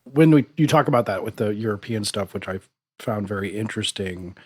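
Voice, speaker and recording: A man's voice: on the low side, animated, a little fast, slightly rough, no echo, studio quality. A man hosting a podcast, asking long, hesitant questions full of restarts. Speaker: podcast host. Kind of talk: interview questions.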